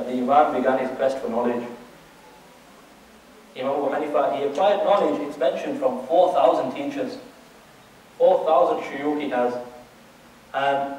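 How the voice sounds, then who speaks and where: A man's voice: mid-range voice, a little mellow, slight background noise. A man giving a religious lecture, asking his audience rhetorical questions and often restarting and repeating his words. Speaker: Islamic teacher. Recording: very echoey room, distant mic.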